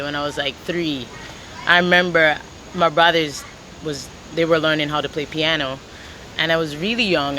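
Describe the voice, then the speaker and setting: The recording is rough, with a little hiss or hum behind a woman's deep voice. A Jamaican singer and guitarist, she talks casually as an interview guest, rambling in a relaxed way and leaning on "like" and "you know."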